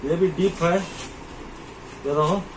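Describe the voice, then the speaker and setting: A middle-aged Indian man with a fairly high, slow voice casually shows off fishing gear to a camera inside a small, cluttered shop. He repeats his points and directs the viewer's attention to things, and the rough recording carries a faint hiss or hum.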